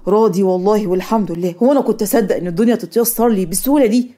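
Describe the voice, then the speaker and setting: A woman voicing a gentle, modest young man with an Egyptian accent, speaking softly, in a cartoon story. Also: mid-range voice, rapid-fire, close to an everyday voice. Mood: subdued.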